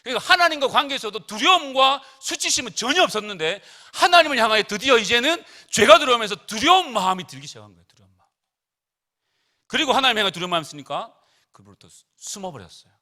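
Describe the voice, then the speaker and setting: A man's voice: very high voice, big pitch swings, fast talker, pushed and bright. A middle-aged man preaching casually to teenagers at a retreat, chatty and joking as he tells family stories.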